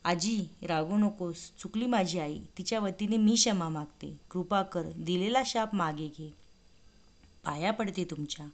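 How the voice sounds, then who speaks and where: A woman's voice: fairly low pitch, a little slow, a little mellow, natural voice. A woman voicing a young princess who humbly begs forgiveness in a devotional story. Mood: pleading. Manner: apologetic, imploring.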